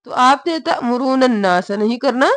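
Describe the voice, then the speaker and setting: A woman teaching Quran recitation, chanting verses in long drawn-out tones and then explaining the pronunciation in quick spoken asides. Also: high-pitched, lively intonation, a bit bright, dry recording.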